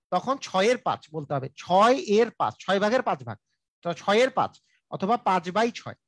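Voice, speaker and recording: High-pitched man drilling a math lesson. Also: no room sound. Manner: repetitive, drilling explanations with frequent check-ins; colloquial, speaks directly to viewers. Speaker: math teacher. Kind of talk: live online math lesson.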